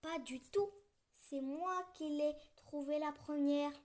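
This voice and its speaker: A woman's voice: high-pitched, takes it slowly, a little mellow. A woman voicing a self-assured female owl in a children's story, firm and sure of herself. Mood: assertive.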